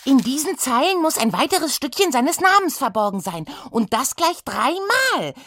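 A woman playing Oda, a clever gnome detective, in a radio play, thinking aloud in a bright, sharp voice. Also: high-pitched, sing-song, normal speed, slight background noise, exaggerated voice. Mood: urging.

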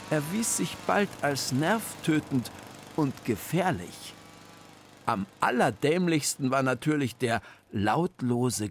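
A storyteller reading a children's story aloud in a lively, expressive way. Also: mid-range voice.

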